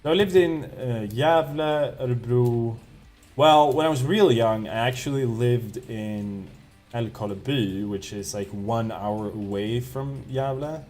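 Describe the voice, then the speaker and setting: A man's voice: medium pitch, a little slow, a little mellow. Man chatting loosely while gaming. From Sweden. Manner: rambling, self-correcting, chuckles often. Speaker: streamer. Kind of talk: casual live-stream chat while gaming.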